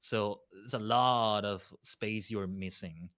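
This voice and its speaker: A man with a somewhat low voice talks casually on a livestream. He rambles along as a guest, often doubling back to repeat a phrase. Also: fairly even intonation, takes it slowly, a bit bright. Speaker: guest streamer.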